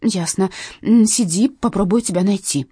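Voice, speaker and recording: A woman voicing a bossy, sharp-tongued young woman who scolds and mocks her friend in an audiobook story. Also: mid-range voice, moderate pace, breathy edge, no echo, studio quality, lightly acted. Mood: commanding. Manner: scolding and mocking.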